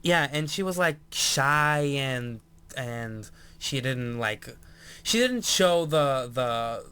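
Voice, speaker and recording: A man's voice: medium pitch, animated, slow, pushed and bright, smooth. A man co-hosting a podcast, chatting casually about a TV episode in a rambling way with many fillers and restarts. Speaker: podcast co-host. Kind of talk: casual TV episode review chat.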